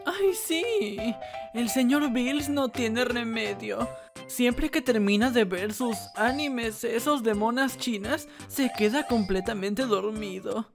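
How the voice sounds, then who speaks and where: A woman's voice: fairly high pitch, slow, creaky. A woman voicing Whis, a timid, fussy male angel in a comic fan animation, sighing and shrieking in fright. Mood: bored whiny. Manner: camp, sighs "ay" constantly, shrieks when scared. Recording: game music playing behind the voice.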